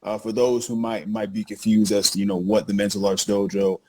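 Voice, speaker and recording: A man co-hosting a casual podcast, animated and hyping up his guest while repeating phrases. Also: fairly low pitch, brisk, slightly rough. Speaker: co-host introducing the show.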